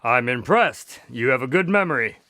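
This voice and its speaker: A man's voice: mid-range voice, lively intonation, moderate pace, pushed and bright, no echo. A man playing a courteous, easily flustered doctor and storyteller in a radio drama, with a polite, old-fashioned, theatrical manner. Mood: genial. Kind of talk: radio drama acting and narration.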